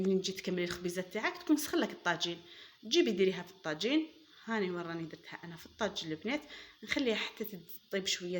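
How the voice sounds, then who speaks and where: A woman's voice: fairly low pitch, a bit bright. A woman with an Algerian Arabic accent hosting a cooking channel, chatty and enthusiastic, talking viewers through a recipe as she works. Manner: chatty, addresses viewers as girls, enthusiastic praise. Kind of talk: casual cooking demonstration.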